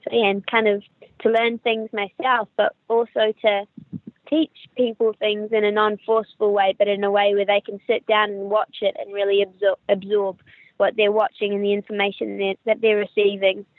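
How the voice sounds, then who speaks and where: A young actress with a New Zealand accent chats in a friendly, casual interview over a remote call, restarting sentences and laughing. Her medium-pitched voice stays level at a moderate pace, and the call audio is tinny and dry, with no room sound.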